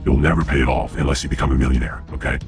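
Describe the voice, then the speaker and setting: A man's voice: rumbling low, fairly even intonation, rapid-fire, music in the background. A man hosting his own channel, ranting angrily and profanely to his viewers, a little out of breath. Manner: angry, profane, keeps addressing viewers as guys. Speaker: channel host. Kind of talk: ranting commentary to camera.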